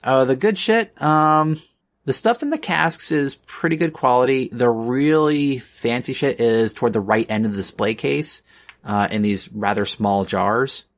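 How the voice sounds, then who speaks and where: A man's voice: mid-range voice, a little slow. A man narrating as game master of a tabletop game, loose and full of fillers, laughing often.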